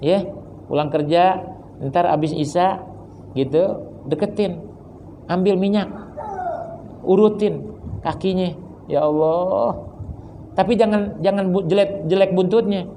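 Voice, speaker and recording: A man's voice: high voice, slow, long pauses, mellow, a little hiss or hum. A man with a Betawi Jakarta accent preaching a sermon, joking and acting out little dialogues in different voices. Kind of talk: Islamic study sermon.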